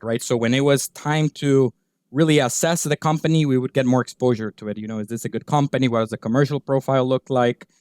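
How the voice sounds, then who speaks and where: A man in his thirties from Guatemala, a podcast guest talking through his career in a relaxed, halting way with lots of fillers. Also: mid-range voice, smooth, no room sound, studio quality. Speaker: podcast guest, business owner. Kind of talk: conversational interview.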